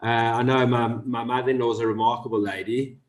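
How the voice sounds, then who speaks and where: A man's voice: medium pitch, little pitch movement, brisk. A man co-hosts a casual discussion in an ordinary mid-range voice. He is easygoing and self-deprecating, with loose, chatty phrasing. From South Africa. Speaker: co-host. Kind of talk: casual panel chat.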